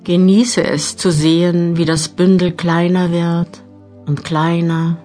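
A woman narrating a guided meditation audiobook, giving measured instructions with long pauses. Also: on the low side, little pitch movement, mellow. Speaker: mental training narrator. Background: new-age music.

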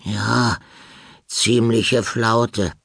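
A man's voice: lowish voice, steady tone, drawn-out words, vocal fry, a bit bright, no room sound, studio quality, pitched above the performer's own voice, exaggerated voice. A man voicing an eager, boastful small male animal detective, a former pirate's pet, in a children's audiobook. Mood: nostalgic.

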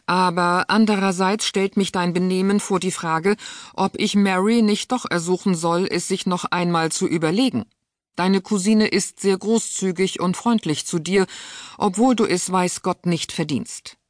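A woman's voice: lowish voice, moderate pace, no echo, studio quality, voice pushed up, close to an everyday voice. A woman voicing a stern, disdainful aristocratic aunt who speaks sharply and impatiently. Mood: cold, scornful.

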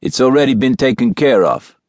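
A man's voice: mid-range voice, animated, fairly quick, darkish tone, no room sound, studio quality, voice pushed up, natural voice. A man voicing a polite male cab driver in an audiobook, speaking briefly and courteously.

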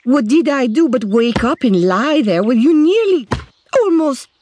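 A woman's voice: medium pitch, very animated, husky. A woman reading an audiobook, voicing a hot-tempered young woman who snaps and hisses her words. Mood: outraged. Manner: sharp, hissing, quick to snap. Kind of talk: audiobook character voice.

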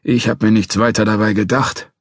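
A testy old security guard shouts in a thin, high, querulous voice. He is suspicious and doddering, and his speech is husky and close with no room around it. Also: fairly even intonation, moderate pace, no echo. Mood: grumbling.

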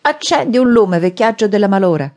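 A woman narrator voicing a drunken, furious man who shouts and threatens. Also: lowish voice, normal speed, lightly acted. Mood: angry. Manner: loud, shouting, blustering.

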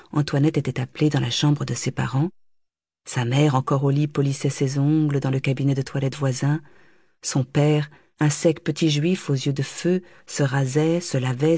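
A woman narrating a literary audiobook in a measured, expressive reading. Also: low-pitched, slightly rough, no echo, studio quality.

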